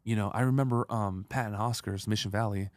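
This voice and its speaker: A man's voice: lowish voice, steady tone, fairly quick, a little mellow, no room sound. A man in his thirties, an entrepreneur guest, telling blunt, profane stories in streetwise slang. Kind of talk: casual storytelling.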